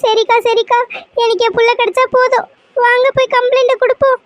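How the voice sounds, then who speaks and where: A woman performs a desperate village mother in a cartoon serial who sobs and pleads. She talks high and thin. It sounds dry and close. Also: flat delivery, brisk, no echo. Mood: tearful pleading. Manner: sobbing, pleading. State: crying. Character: frantic crying village mother searching for her daughter.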